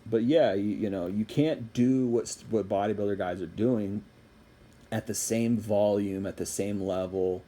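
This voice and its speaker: Husky low-voiced man musing on fitness. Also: measured pace, dark tone. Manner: rambling, repeats phrases for emphasis. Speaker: fitness commentator. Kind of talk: casual opinion monologue.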